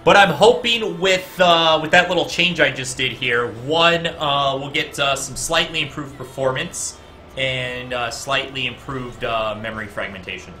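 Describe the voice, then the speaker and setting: A man's voice: medium pitch, unhurried, faint music behind. A man streaming his game programming, reasoning aloud as he works and chatting with viewers in between. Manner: chatty, talks to viewers in chat between code explanations; guessing and reasoning out loud with frequent "uh". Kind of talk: live coding stream, thinking aloud.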